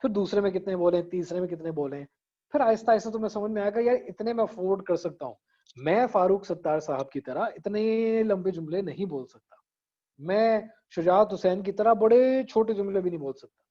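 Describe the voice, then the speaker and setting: The teacher, a man with a high-pitched, mellow voice, runs an online public speaking class on a video call where the highs are cut off. His style is conversational, with English phrases mixed in and frequent "theek hai" check-ins with students.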